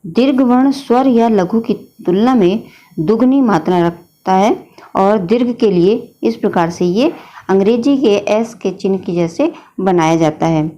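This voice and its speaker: A woman's voice: medium pitch, a little slow, mellow. A woman teacher explaining a grammar lesson patiently, often addressing her students as children. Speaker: Hindi teacher.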